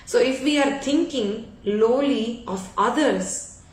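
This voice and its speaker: A woman's voice: on the high side, slow, recorded from a distance. Woman telling a devotional story, echoey room. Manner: conversational, frequent fillers and restarts. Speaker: devotional speaker. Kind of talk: storytelling talk.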